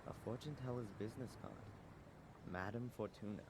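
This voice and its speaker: A man's voice: fairly low pitch, a little fast, noisy background, lightly acted. A man playing a sceptical, guarded adventure game protagonist with a dry, sardonic way of talking. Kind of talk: video game voice acting.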